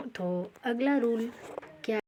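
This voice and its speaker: A woman teaching pronunciation rules, repeating examples and asking herself rhetorical questions, often pausing with fillers and correcting herself. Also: on the high side, mellow, a little hiss or hum. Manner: slow, repetitive, quizzes with rhetorical questions; frequent fillers and self-corrections.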